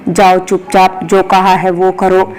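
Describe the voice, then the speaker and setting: A woman's voice: on the low side, completely flat delivery, slow, darkish tone, rough recording. A woman voicing a curt, angry young husband in a spoken story, scolding harshly.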